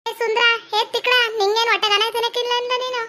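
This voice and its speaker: A woman playing a bossy, sharp-tongued middle-aged village aunt in a comedy skit, speaking with a North Karnataka Kannada accent. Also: very high-pitched, flat delivery, fast talker. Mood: scolding. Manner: scolding, sharp-tongued, theatrical.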